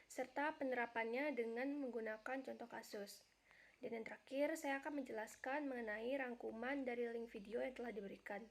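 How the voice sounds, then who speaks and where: A young adult woman, a university student, reading out a class presentation in a steady, step-by-step way. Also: high voice. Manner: steady, reads each step in order. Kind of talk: read-aloud class presentation.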